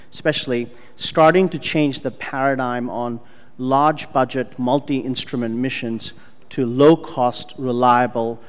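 Businesslike panelist with a handheld mic. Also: male voice, medium pitch. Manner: fluent, businesslike, with filler ums. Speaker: startup co-founder, panelist. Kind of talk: conference panel remarks. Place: large conference hall stage, indoors. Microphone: handheld microphone. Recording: long reverb of a conference hall.

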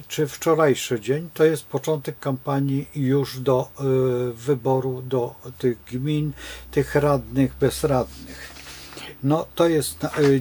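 A man's voice: a little high, darkish tone, slightly rough. An older man from Poland giving a rambling, digressive informal talk as an astrologer to his followers, with many hesitations and wry chuckles.

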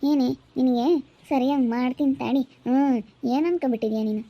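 A woman's voice: high voice, fairly even intonation, fairly quick. A woman playing a quarrelsome middle-aged village aunt who keeps scolding and accusing. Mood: angry. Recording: slightly dull lo-fi recording.

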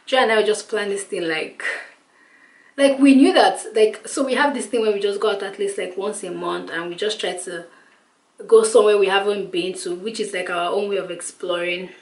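A woman's voice: mid-range voice, steady tone, moderate pace, reverberant. A young woman vlogging casually at home, rambling and chatty with lots of "like". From Nigeria. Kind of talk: casual vlog talk to camera. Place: at home, indoors.

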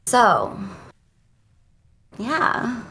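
A woman's voice: fairly high pitch, wildly swooping pitch, extremely slow, vocal fry, sharp tone, faint music behind. A young adult woman from Florida telling a confession casually over a video call. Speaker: confession guest caller.

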